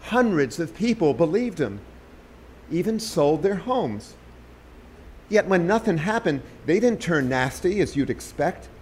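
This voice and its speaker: A man reading the lines of a gruff, skeptical young American man in an audiobook. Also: fairly high pitch, sing-song, a little slow, a little mellow, slight background noise. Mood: musing. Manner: gruff, dry.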